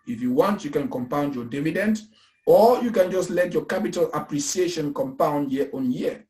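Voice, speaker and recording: A thirtysomething investment company founder from Cameroon gives an informal pitch in a somewhat high, a little mellow voice. He speaks earnestly on investments and pensions, repeating key ideas with the emphasis of a preacher, in a room full of echo.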